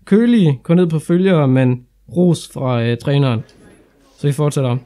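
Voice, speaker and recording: A young Danish man commenting on his own football game playthrough, excitable and casual, shouting at big moments. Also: a little high. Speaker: gaming YouTuber. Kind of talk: excited let's-play commentary.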